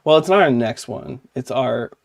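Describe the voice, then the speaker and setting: A man chats casually as a podcast co-host, with a voice of ordinary pitch. His talk wanders and leans on "like," and he often stops to fix what he just said. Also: lively intonation, normal speed, gravelly. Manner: chatty and rambling, often saying "like" and correcting himself.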